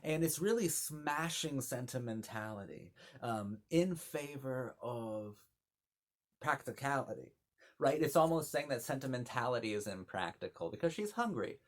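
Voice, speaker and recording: A man speaks at a middling pitch in casual, off-the-cuff film commentary. He is openly enthusiastic and gushing, and he often stalls and doubles back on words while hunting for the right phrase. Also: animated. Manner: halting, repeats words while searching for phrasing. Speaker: film reviewer.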